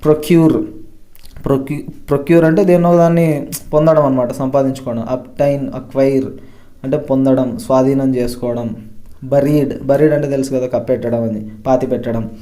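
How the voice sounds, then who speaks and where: A man teaches English vocabulary at a steady pace. His voice is mellow and dark at a middle pitch, and he stresses each new word before he explains it. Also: fairly quick. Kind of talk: vocabulary lesson explained in Telugu.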